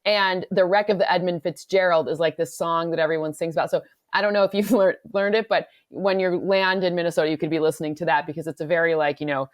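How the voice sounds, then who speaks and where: A woman from Michigan talks football analytics in quick, eager bursts, doubling back on her words as she goes. Her voice sits a little lower than most women's. It is a loose, chatty podcast conversation. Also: fairly even intonation. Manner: rapid, self-correcting, enthusiastic. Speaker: analytics expert co-host. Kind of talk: casual sports podcast chat.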